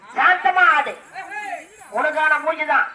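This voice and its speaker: High-voiced man coaxing at a temple rite. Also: slow pace. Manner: coaxing, repetitive questions with shouted calls. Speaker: temple ritual drummer and officiant. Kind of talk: ritual questioning of a possessed devotee. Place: temple festival. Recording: echoey, distant mic. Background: drums and music.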